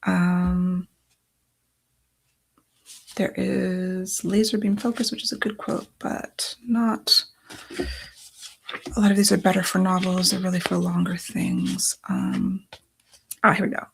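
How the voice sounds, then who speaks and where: A woman's voice: lowish voice, fairly even intonation, slow, vocal fry, pauses often, a little hiss or hum. A woman author losing her voice, thinking aloud as she talks through her writing process and reads from note cards.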